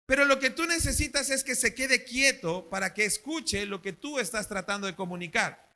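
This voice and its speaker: A man's voice: very high-pitched, moderate pace. A male pastor, preaching a sermon at a church service and asking the congregation questions. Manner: animated, asks the congregation questions.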